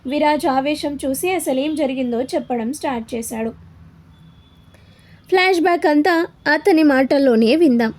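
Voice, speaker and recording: A woman's voice: high voice, moderate pace, pauses often. A woman narrating a serialized story, voicing every character's dialogue herself. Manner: reads all characters in her own voice.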